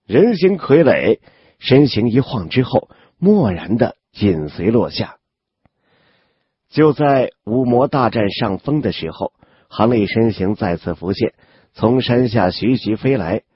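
A man narrating a fantasy web novel audiobook in a steady voice, dropping in small spoken fillers. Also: mid-range voice, measured pace, breathy edge, no echo. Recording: dull lo-fi audio with faint background music.

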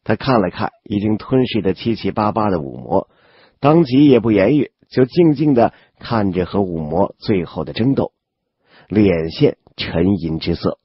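A man narrating a fantasy web novel audiobook in a steady voice, dropping in small spoken fillers. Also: fairly low pitch, moderate pace, breathy edge. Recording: dull lo-fi audio with faint background music.

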